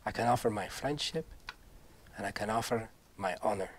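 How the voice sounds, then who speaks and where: A man voicing a solemn, courteous knight in a tabletop game, speaking formally and gravely in measured phrases. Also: fairly low pitch, slight background noise, close to an everyday voice. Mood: earnest, apologetic. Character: solemn, courteous male knight bidding allies farewell. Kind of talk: tabletop game character acting.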